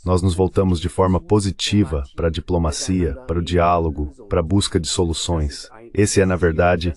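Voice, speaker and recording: In a low-pitched, somewhat dark tone, a man serves as the translated voice of a panel guest, offering measured interview commentary on politics.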